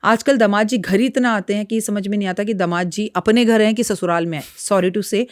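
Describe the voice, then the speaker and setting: A woman's voice: medium pitch, fairly even intonation, fairly quick, no echo, clean studio sound. A woman astrologer speaking as a podcast guest, frank and lecturing in a blunt, outspoken way. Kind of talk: podcast interview talk.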